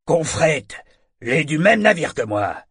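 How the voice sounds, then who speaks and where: A man's voice: mid-range voice, lively intonation, unhurried, fairly bright tone, slightly rough, dry recording, studio quality, exaggerated voice. A man voicing a brutish, bullying sailor who talks coarsely and menacingly.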